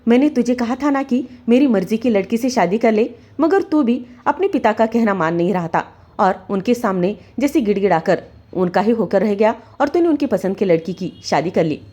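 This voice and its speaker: A woman's voice: fairly high pitch, animated, normal speed, warm tone, breathy edge. A woman voicing a haughty, scornful mother-in-law. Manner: haughty, condescending.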